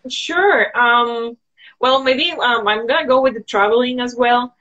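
A woman guest on a video call from home, giving advice in a thoughtful, halting way with frequent fillers. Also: a little high, a bit bright, lo-fi sound. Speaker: guest sharing sustainability tips. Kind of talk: casual video-call interview. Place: indoors at home.

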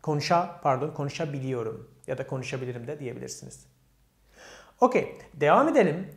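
A male teacher goes through grammar step by step. He asks a question and then answers it himself, and his English has a Turkish accent. The room around him echoes, and his voice sits at a middling pitch. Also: animated, fast talker, vocal fry.

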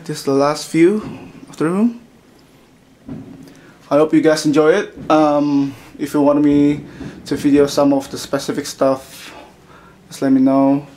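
A man giving a casual narrated tour of his indoor collection room, talking haltingly with many fillers and restarts into a handheld camera mic. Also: medium pitch, darkish tone, slight background noise.

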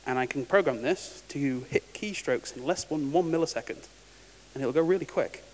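A man with a voice on the high side speaks at a moderate pace, giving a technical talk at a conference in a casual, wry way and often restarting words. The audio, captured in a large conference hall, is reverberant with faint hiss.

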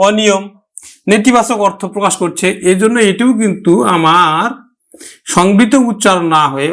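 Man, high voice, Bangladeshi Bengali accent, grammar teacher, step-by-step explaining, slow repeated example words. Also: a bit bright. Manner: addresses students directly, explaining step by step. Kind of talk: online grammar lesson.

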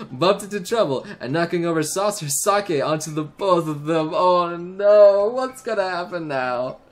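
A man hosting a let's play, reading a visual novel aloud and reacting with excitable, giggly asides and self-corrections. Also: fairly high pitch.

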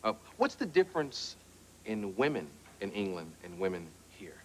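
A man's voice: on the low side, very animated, moderate pace, a little mellow, a little hiss or hum, poor audio. A man hosting a talk show, interviewing his guest in a joking, teasing way. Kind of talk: casual chat. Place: television studio.

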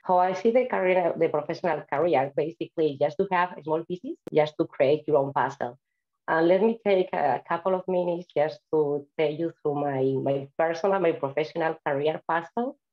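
Over a video call, an invited speaker from Spain delivers an online seminar talk in a Spanish accent, friendly and chatty and full of "uh" fillers. Her voice sits low, she speaks at normal speed, and the audio sounds dull.

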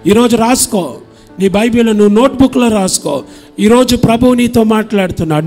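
A pastor from India preaching and leading prayer, moving from soft, murmured urging to loud, impassioned pleading. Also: male voice, high-pitched. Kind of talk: sermon with altar call and prayer. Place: church sanctuary.

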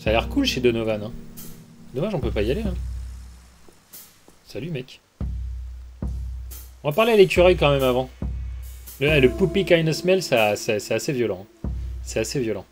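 Streaming a game through a basic microphone, a man casually voices the dialogue and reacts with amused asides in let's-play fashion. His medium-pitched voice has big pitch swings, moves at normal speed, and includes long pauses, while faint music plays behind.

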